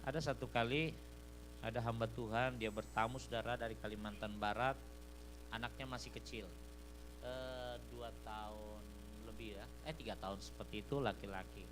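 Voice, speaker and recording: A man preaching a sermon, swinging from loud, fervent passages to soft storytelling and repeating a fond address to his listeners. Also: medium pitch, steady tone, normal speed. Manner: repeats "beloved in the Lord" as a refrain. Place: church service. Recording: live stream with faint hum.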